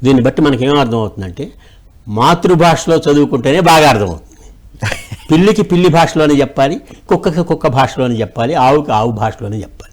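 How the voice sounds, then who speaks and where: A man telling short moral tales with lively voice changes and mimicry. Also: mid-range voice, a little fast. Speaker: storyteller guest. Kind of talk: animated storytelling.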